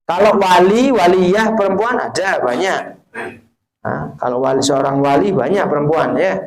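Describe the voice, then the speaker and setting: A man's voice: on the high side, moderate pace, rough recording. A man with an East Javanese accent preaching a religious sermon. He mixes in Javanese phrases, recites Arabic quotations and asks his listeners rhetorical questions.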